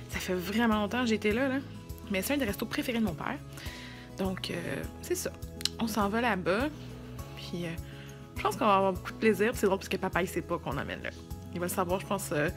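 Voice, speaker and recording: A woman in her thirties, accent from Quebec French, talks to camera for her vlog in a casual, informal, self-deprecating way. Her voice is mid-range with a fairly bright tone.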